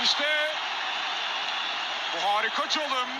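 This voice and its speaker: A man commentating live on a football match, excitable and screaming at the big moments. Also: extremely high pitch, slow. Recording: loud stadium noise behind the voice. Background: loud stadium noise.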